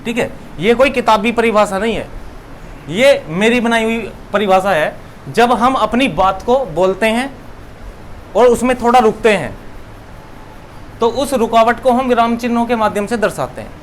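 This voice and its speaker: High-voiced man teaching a lesson. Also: animated, moderate pace, slight background noise. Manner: repeats key words, asks and answers his own questions. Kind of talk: classroom lesson.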